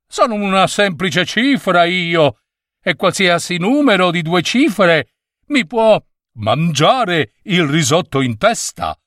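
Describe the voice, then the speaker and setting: Shrill, huffy number nine in a storybook reading, scolding and protesting, voice pitched far above his own. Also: sing-song, takes it slowly, a bit bright, no echo, clean studio sound, exaggerated voice. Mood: indignant. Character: indignant touchy number nine, male.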